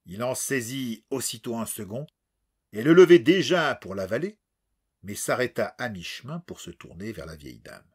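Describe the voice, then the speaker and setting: A man narrating an audiobook with expressive, dramatic storytelling. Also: mid-range voice, moderate pace, slightly rough.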